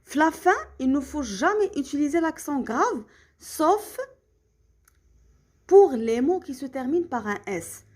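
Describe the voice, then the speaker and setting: Woman teacher, Moroccan accent, high voice, lively intonation, slow patient explanations. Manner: slow, carefully spelled-out explanations with frequent comprehension checks. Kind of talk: French grammar lesson for children.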